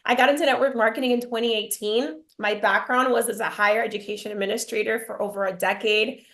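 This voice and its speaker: A woman's voice: fairly high pitch, steady tone, fast talker, fairly bright tone. A woman from Miami, born in Cuba, presenting her business in a bubbly, gushing way. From Cuba, raised in Miami. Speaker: network marketing presenter. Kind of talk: promotional live presentation.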